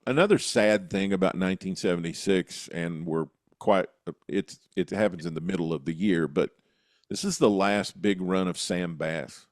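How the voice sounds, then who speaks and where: Low-voiced man hosting a dry-sounding chat. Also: moderate pace, no room sound. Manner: reflective, steers the talk with questions and asides. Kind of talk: conversational podcast interview.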